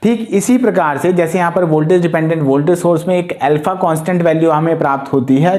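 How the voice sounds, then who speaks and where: A man's voice: sits high, warm tone. A man teaching a lesson for competitive-exam students, explaining step by step and speaking directly to his students. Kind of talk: exam-prep lecture.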